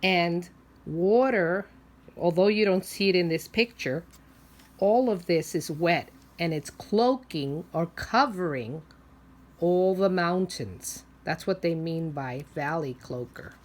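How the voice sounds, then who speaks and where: With a lowish voice and an unhurried pace, a woman who teaches preschool shares a picture book aloud with young children. Along the way she asks questions, lingers on key words and explains in simple terms.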